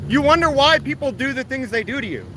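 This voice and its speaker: His voice is very high, bright and pushed, fast and expressive as he confronts and scolds, indignant, while livestreaming police outdoors by a street. Traffic noise fills the recording.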